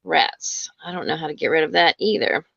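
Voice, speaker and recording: A woman's voice: sits low, expressive, brisk, vocal fry, a bit bright, slightly rough, dry recording. Chatty woman host heard over a phone. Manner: chatty and upbeat, many fillers and restarts. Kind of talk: casual live-stream book interview. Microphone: phone mic. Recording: dull, dry phone audio.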